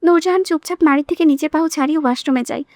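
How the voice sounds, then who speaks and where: A woman's voice: high voice, very fast, darkish tone, no echo, clean studio sound. A woman reading a novel aloud as narrator, voicing the characters' dialogue herself. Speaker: audiobook narrator.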